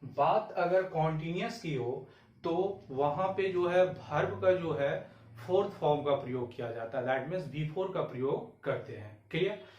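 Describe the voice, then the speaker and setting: A man teaching English grammar in Hindi, often asking himself questions and slowly dictating the example sentences word by word. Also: on the high side, a little mellow, lo-fi sound. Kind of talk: Hindi-language grammar lesson. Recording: echoey room, voice a bit far from mic.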